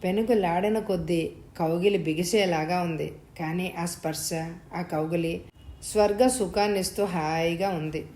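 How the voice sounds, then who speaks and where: A woman narrating a novel episode in a calm, even storytelling manner. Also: lowish voice, a little slow. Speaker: audiobook narrator. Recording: roomy echo.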